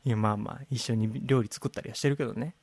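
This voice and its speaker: A man's voice: medium pitch, fairly even intonation, fast, vocal fry, a little mellow, breathy edge, dry recording, clean studio sound. A man with a Kansai accent, co-hosting a podcast in casual chat, easygoing and laughing often. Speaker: podcast co-host.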